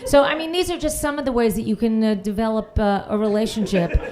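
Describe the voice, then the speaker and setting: On a comedy panel show, a woman from Queens, New York delivers dry, self-mocking stand-up at a quick pace in a fairly high voice, with crowd noise around her. She reads messages aloud sarcastically, drawing audience laughter.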